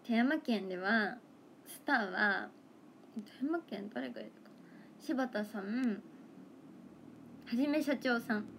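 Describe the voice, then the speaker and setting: A young woman chats on a livestream in a slightly high voice. She thinks aloud, wanders from point to point, and laughs easily, with a faint hiss of noise behind her. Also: vocal fry, a bit bright. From Toyama, Japan. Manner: chatty, musing aloud, quick to laugh. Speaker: idol livestreamer. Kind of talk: casual livestream chat.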